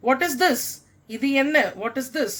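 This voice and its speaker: A middle-aged woman with a Tamil accent, a school principal giving an English lesson. She repeats each example sentence slowly and then gives it in her own language. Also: sits high, fairly bright tone. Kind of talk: classroom lesson.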